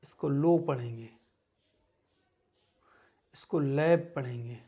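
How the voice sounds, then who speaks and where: Male teacher, beginners' English class, very unhurried, gravelly voice, repeats words patiently. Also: medium pitch, mellow.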